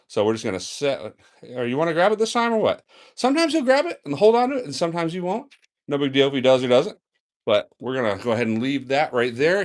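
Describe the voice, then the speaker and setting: A man hosts a live feeding stream in an indoor snake room, talking into a handheld phone camera. His pitch sits in the middle. He sounds relaxed and chatty as he coaxes the animals and answers his viewers. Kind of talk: casual live-stream narration.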